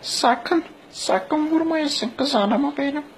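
A man's voice: very high voice, slow pace, a little hiss or hum, pitched above the performer's own voice, exaggerated voice, rough recording. A man voicing a protective, foul-mouthed village mother with a Thracian Turkish accent, scolding and exclaiming in an exaggerated cartoon-style comic dub. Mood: protective pleading.

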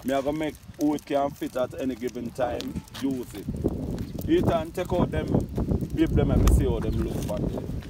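A man's voice: medium pitch, normal speed. A man with a Jamaican accent hosting a casual outdoor interview and talking straight to his viewers. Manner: chatty, asks questions and addresses viewers directly. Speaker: host of a community channel. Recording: loud outdoor noise.

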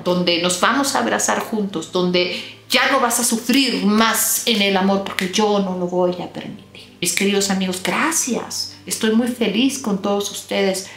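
A woman's voice: a bit bright, reverberant. A woman giving an emphatic, preachy motivational talk to her viewers as a self-help coach. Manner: emphatic, preachy, quick swings in pitch.

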